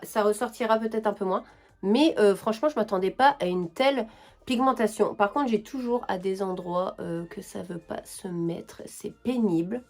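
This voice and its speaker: A woman's voice: medium pitch, a little mellow. A young woman with a French accent chatting through a casual makeup tutorial, enthusiastic and full of fillers. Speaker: beauty vlogger.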